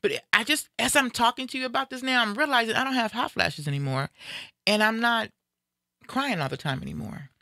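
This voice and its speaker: A woman's voice: a little high, animated, brisk, gravelly, sharp tone, no room sound, clean studio sound. A woman around fifty, the host, chatting casually and animatedly, laughing as she tells stories. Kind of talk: casual chat.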